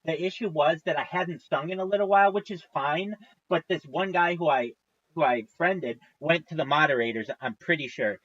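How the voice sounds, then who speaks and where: A man's voice: on the high side, normal speed, a bit bright, husky, dry recording, muffled recording. A man in his thirties, a livestreamer, tells a long story in a casual, profane, exasperated way. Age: 30s.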